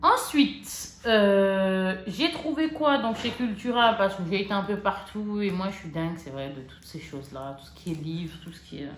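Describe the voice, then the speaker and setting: A woman vlogger chatting casually to camera about her shopping haul, excitable and joking. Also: mid-range voice, moderate pace, few pauses. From France. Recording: echoey room with faint noise.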